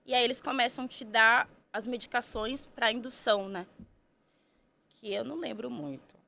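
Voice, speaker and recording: Chatty woman, higher voice. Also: normal speed, creaky, bright, forceful tone. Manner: chatty, tag questions, laughs through the story. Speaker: podcast guest. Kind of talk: casual storytelling.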